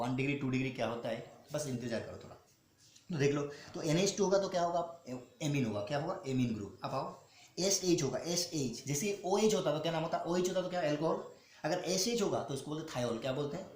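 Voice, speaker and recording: Man, chemistry teacher, repeats questions and answers them himself, spells out formulas slowly, slightly high voice, echoey room. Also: darkish tone. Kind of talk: classroom-style teaching. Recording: echoey room with faint noise.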